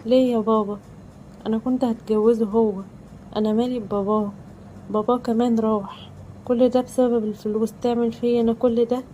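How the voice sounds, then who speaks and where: Devout young Egyptian wife, played by a woman: emotional and pleading, fast pace. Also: on the high side, flat delivery, mellow, slight background noise, lightly acted, poor audio. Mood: hurt.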